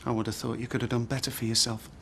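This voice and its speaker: Brief: actor as a defiant, smug rival, mid-pitched, noisy TV sound. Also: male voice, level tone, rapid-fire, fairly bright tone, lightly acted. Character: stubborn, smug businessman in a rivalry. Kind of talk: television soap drama.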